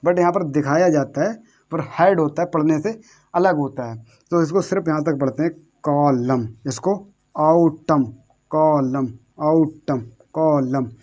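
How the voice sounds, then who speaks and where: A man with a somewhat high, darkish voice speaks at a normal pace. He is an English teacher delivering a classroom-style lesson, repeating himself, posing questions to viewers and answering them, and spelling words out letter by letter.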